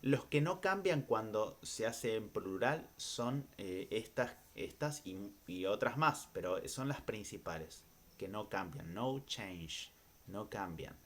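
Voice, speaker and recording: A male teacher with an Argentine Spanish accent, his voice sitting low. He speaks very slowly, repeats words twice, fills his gaps with hesitant "eh" sounds, and keeps asking if the class follows. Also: expressive. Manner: slow, repeats each word pair, checks with "¿sí?"; hesitant, many "eh" fillers. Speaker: English teacher. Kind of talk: recorded classroom lesson.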